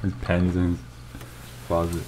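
A man's voice: low voice, completely flat delivery, unhurried, mellow, slight background noise, low-quality recording. A young man ribbing his friend about old vlogs in a dry, teasing way. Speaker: guest friend. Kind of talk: casual reaction chat. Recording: clear music playing behind.

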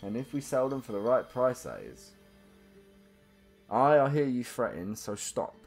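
A man voicing a rough, scheming male thief with a northern English accent, reading out his letter home. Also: mid-range voice, sing-song, measured pace, soft background music, pitched above the performer's own voice. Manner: coarse, conspiratorial letter-reading.

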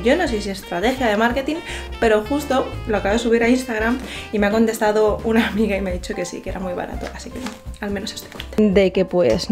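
A woman's voice: fairly high pitch, a little mellow. A young woman with a Spanish accent, chatting animatedly and mocking herself as she shows her shopping in a vlog, filmed with a handheld camera in a small home kitchen. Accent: Spanish from Spain. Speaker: vlogger. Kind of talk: casual vlog chat. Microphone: handheld camera close to face.

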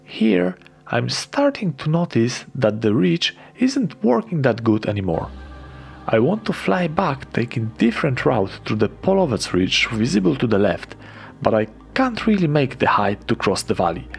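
A man's voice: medium pitch, sing-song, normal speed, vocal fry, faint music behind. A young man giving an enthusiastic, casual first-person voice-over about his flight, swearing freely now and then. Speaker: paragliding vlogger.

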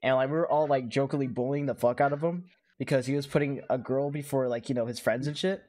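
A man's voice: medium pitch, fairly even intonation, quick pace, darkish tone. Young guy rambling about games on a podcast, tons of "like"s, laughs a lot. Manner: rambling, heavy "like" fillers, laughs often. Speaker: podcast host. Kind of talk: casual chat among friends.

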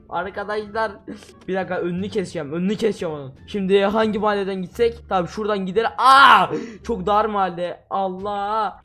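Excitable high-voiced man narrating a game. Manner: loud, excitable, shouting at other players. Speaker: gaming video host. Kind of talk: excited gameplay commentary.

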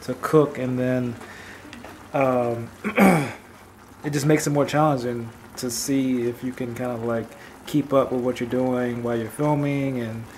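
A man with a mellow, warm tone talks casually to his viewers while cooking. He rambles in a relaxed way, padding his talk with fillers. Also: mid-range voice, slight background noise. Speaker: vlogger, father.

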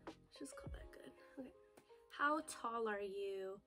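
A woman's voice: medium pitch, measured pace, music in the background. A woman in her twenties from the United States, talking nervously and chattily in a casual vlog recorded on her phone, with lots of "like" and "you know". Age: 20s. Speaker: vlogger. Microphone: phone camera video.

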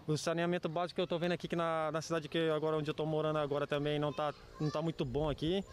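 A man's voice: a little high, level tone, racing. Blunt young man on a street. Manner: blunt, plain-spoken. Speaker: interviewee, truck driver. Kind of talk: street interview. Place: outdoors on a residential street. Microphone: handheld reporter mic.

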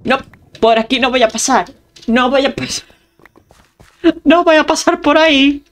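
A woman with a Spain Spanish accent hosts her own gaming video, chatting playfully to viewers in casual commentary. Her voice sits a little on the high side and she speaks at a slow, easygoing pace, dropping little sound effects between remarks. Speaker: gaming channel host.

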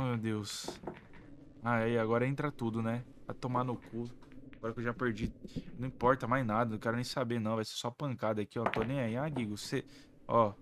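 A man's voice: mid-range voice, noisy background. A man with a Brazilian Portuguese accent giving live gameplay commentary as host of a gaming channel, complaining in an exasperated, whiny way with slang and swearing.

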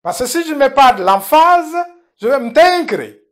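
A woman's voice: sits high, very animated, normal speed. A woman teaching a language lesson, explaining grammar patiently and repeating example words for the learner.

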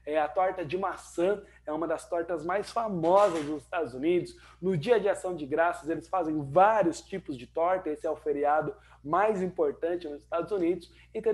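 A male English teacher with a Brazilian Portuguese accent, his voice sitting fairly high. He gives an online lesson in a lively way, talking straight to the viewer and asking himself rhetorical questions.

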